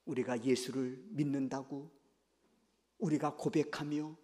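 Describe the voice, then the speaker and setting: A male pastor preaching a sermon in an animated style, acting out scripture scenes, in a church sanctuary. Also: medium pitch, a little slow. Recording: echoey church hall.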